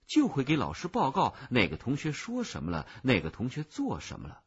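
A man narrating a children's story aloud in an animated, expressive way, on a muffled lo-fi recording. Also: fairly quick, husky. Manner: animated, expressive storytelling with big pitch swings.

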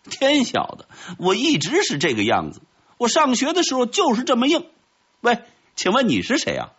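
A man putting on a tiny storybook beetle-like hero who squeals his words high and loud, with a husky grain under them. He swings wildly in pitch and sounds dull and lo-fi. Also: wildly swooping pitch, normal speed, full character voice. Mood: cocky. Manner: high-pitched shouting and pleading. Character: small stubborn male insect hero.

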